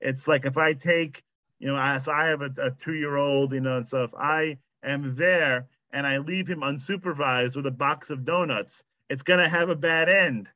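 A man's voice: fairly high pitch, normal speed, pushed and bright, no echo. A man in his thirties, a rabbi leading a Torah study, talking in a loose, conversational way with lots of "you know" and restarts. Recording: slightly muffled lo-fi audio.

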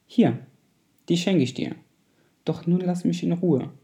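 Male reader doing a proud, haughty fish: a bit higher than his own voice, mellow, dismissive. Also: a little slow. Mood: reluctant.

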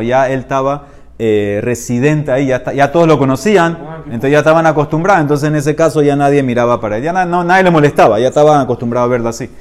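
Reading passages in Aramaic, a man leads a Talmud class and gives his explanations in Spanish. He speaks with animation and goes up in pitch whenever he emphasizes something.

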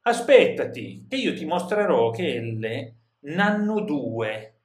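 A man's voice: on the high side, very animated, slow, reverberant. A man reading a stern, angry noble lord. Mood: stern, mocking. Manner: read aloud in old literary Italian, commanding.

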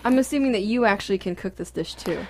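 A woman's voice: mid-range voice, expressive, fast. A young woman hosting a casual radio chat, chatty and laughing often. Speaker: host.

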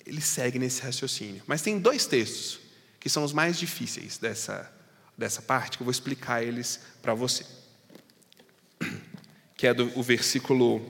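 A man's voice: medium pitch, fairly bright tone, big-room sound. A man preaching a sermon and explaining a passage, talking in a conversational way straight to his congregation. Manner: conversational, addresses the congregation directly. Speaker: pastor. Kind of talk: expository sermon.

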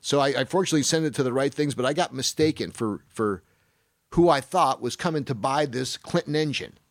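A man's voice: medium pitch, brisk, no echo, studio quality. A man in his sixties hosting a casual podcast, rambling through stories, swearing freely and acting out what people said. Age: 60s. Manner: rambling storyteller, swears freely, acts out quotes. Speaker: podcast host.

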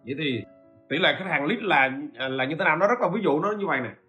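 A man's voice: fairly high pitch, lively intonation, fast, pushed and bright, faint music behind. A man hosts a podcast lesson, explaining step by step and often stopping to ask listeners if they follow. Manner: asks rhetorical questions and checks in with listeners. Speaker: podcast host teaching e-commerce. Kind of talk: informal spoken lecture.

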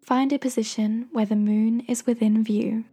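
Woman, meditation host, higher-pitched, soft and warm tone, slow encouraging delivery, soothing narration. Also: steady tone. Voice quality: soft, breathy.

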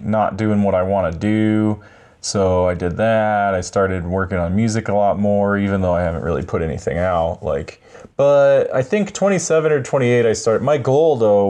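Brief: low-voiced thirties man, relaxed rambling podcast co-host. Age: 30s. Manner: laid-back, rambling, hesitant with fillers. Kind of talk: casual chat.

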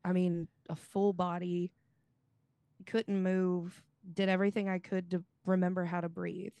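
A woman's voice: on the low side, flat delivery, unhurried, dark tone, smooth, no echo. A woman in her thirties, a guest in a candid interview, who talks with giggles and some nervous hesitation. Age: 30s. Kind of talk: candid conversation.

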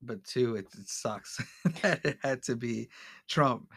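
A man's voice: medium pitch, slow, creaky, a bit bright, husky, no echo, studio quality. A man who is a podcast guest, talking casually and candidly with lots of fillers and restarts. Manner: hesitant, many fillers and restarts; candid, opinionated. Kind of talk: casual interview conversation.

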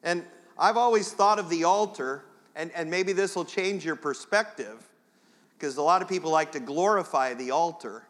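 A man's voice: fairly high pitch, normal speed, a bit bright, long reverb tail. A man preaching a sermon as pastor, chatting straight to the congregation in a conversational way.

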